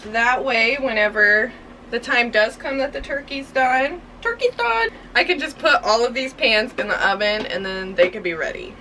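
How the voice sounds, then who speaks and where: A young American woman chatting casually to viewers inside a small trailer, upbeat and informal, thinking out loud. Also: fairly high pitch, a little hiss or hum. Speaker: vlogger.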